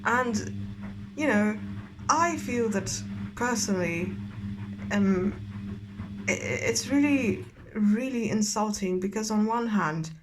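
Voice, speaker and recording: Drunk woman ranting over clearly audible noise. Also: mid-range voice, lively intonation, slow, pauses often. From Eastern Europe. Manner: opinionated, sweary, rambling. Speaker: vlogger and novelist. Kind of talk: casual rambling rant. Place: in a bathtub in a bathroom at home. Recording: clearly noisy bathroom ambience.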